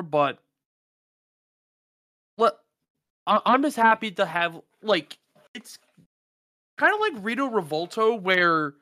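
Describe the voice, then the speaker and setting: Halting man with a lively voice. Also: sits high, no echo, studio quality. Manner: halting, restarts a lot. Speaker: podcast co-host. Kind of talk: casual chat.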